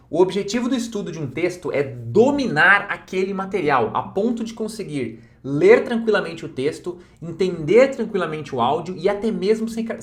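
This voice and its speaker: Brazilian male teacher, somewhat high voice, encouraging and repetitive, speaks directly to students. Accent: Brazilian Portuguese. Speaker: English teacher. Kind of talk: online course lesson.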